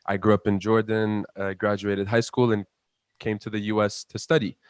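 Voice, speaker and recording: A man's voice: on the low side, flat delivery, normal speed, smooth, dry recording, studio quality. A young man in his twenties from Palestine, speaking earnestly and passionately as an interview guest, often repeating words as he builds his point. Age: 20s. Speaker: guest, student entrepreneur. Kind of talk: interview answers.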